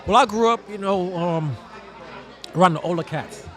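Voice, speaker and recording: This guest DJ from Trinidad has a high voice and speaks at a normal speed. Outdoors in a casual interview, he talks in an animated, streetwise way and keeps dropping "you know what I mean".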